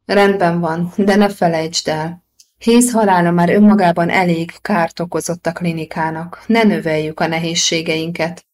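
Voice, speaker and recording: A woman's voice: lowish voice, fairly even intonation, natural voice. A woman reading an audiobook voices an angry female clinic director who scolds sharply. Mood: firm. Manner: sharp and scolding, softening later.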